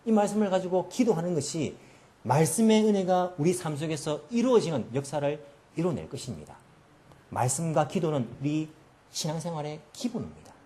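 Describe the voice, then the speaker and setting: A man's voice: a little high, mellow. A man preaching a sermon as pastor, emphatic, with many rhetorical questions and story-telling in a church. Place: church sanctuary.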